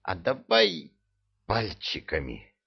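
A man's voice: low voice, sing-song, slow, slightly rough, highs cut off, heavily acted. A man voicing Koschei, a drunken, boastful immortal old villain with a coarse, blustering manner, in an audiobook. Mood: drunken glee.

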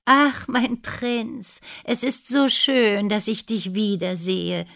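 A woman voicing a flattering young stepsister in a fairy tale, with a sweet, raised voice. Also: slow, gravelly, full character voice. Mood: sugary. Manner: sugary, high and drawn out.

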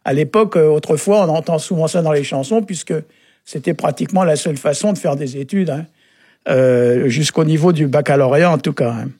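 A man explaining word meanings on a radio show in a relaxed, halting way, often pausing with filler sounds. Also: a little high, husky, no room sound, clean studio sound. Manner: halting, often adds "hein" and "euh". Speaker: Breton language expert on a radio show.

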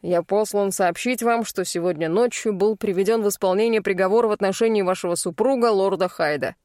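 A woman voicing a stern male guard captain in an audiobook, with a deep, clipped, formal delivery. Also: a little fast, a little mellow, no room sound, clean studio sound, lightly acted. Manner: curt, formal. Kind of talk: audiobook voice acting.

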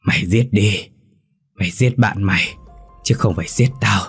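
Brief: possessed young woman, menacing and mocking, husky low tone, voiced by a male narrator. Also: normal speed, faint music behind. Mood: taunting. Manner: taunting, eerie.

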